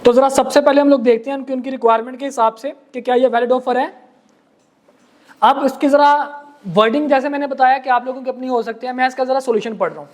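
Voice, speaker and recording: A man with a Pakistani accent giving a law lecture to students, explaining step by step and reading case text slowly. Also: very high voice, steady tone. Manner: addresses students as beta and janab. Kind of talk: classroom lecture.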